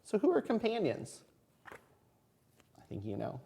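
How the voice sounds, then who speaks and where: Expressive man reading to young children. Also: high voice, a little slow, gravelly. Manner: asks the listening children simple questions. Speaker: kindergarten reading teacher. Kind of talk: animated picture-book read-aloud for young children.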